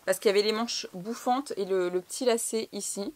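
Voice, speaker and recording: A woman's voice: mid-range voice, brisk, a little mellow. A young woman from France chatting casually through a clothing haul, slangy and swearing now and then. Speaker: fashion vlogger.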